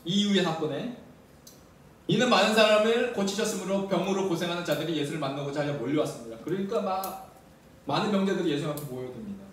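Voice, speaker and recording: A man's voice: high voice, quick pace, a little hiss or hum. A man preaching a sermon as pastor, often asking the congregation questions. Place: church sanctuary. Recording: very echoey church hall, mic at a distance.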